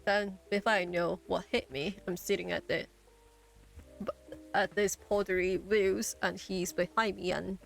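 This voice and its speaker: A woman's voice: mid-range voice, level tone, measured pace, vocal fry, faint music behind. A woman reading aloud a ghost-hunting character from a game, telling the story in a wry, matter-of-fact way.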